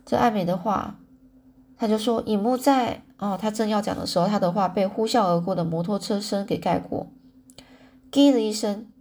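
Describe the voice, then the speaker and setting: A woman reading a novel aloud, relaxed and chatty with small fillers. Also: medium pitch, vocal fry, husky. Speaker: audiobook reader. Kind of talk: casual audiobook narration.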